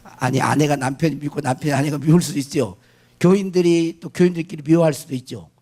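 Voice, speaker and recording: Male pastor, sermon delivery. High, husky voice, asks and answers his own questions, swings from quiet asides to loud proclamations. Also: fast. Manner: emphatic, asks the congregation questions and answers them; swings between hushed asides and shouted declarations.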